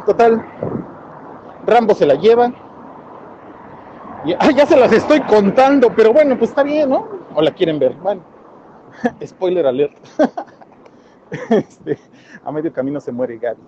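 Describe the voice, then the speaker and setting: A man with a Mexican accent recapping a film in casual chat, acting out the lines and chuckling often. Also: on the high side. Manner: animated storytelling, chuckles often, acts out quotes. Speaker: film reviewer. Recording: dull lo-fi recording with faint background noise.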